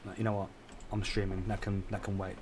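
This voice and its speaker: A man with a low voice talks through a game he is streaming, rambling and stopping to correct himself. He sounds tired, his voice staying flat and level as he explains each move. A faint background hiss runs under his voice. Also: fast talker. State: tired, yawning. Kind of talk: casual live gameplay commentary.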